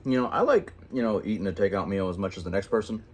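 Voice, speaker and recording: A man's voice: on the low side, fast talker, darkish tone. A man co-hosting a vlog, joking and chatting casually over a meal. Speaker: co-host.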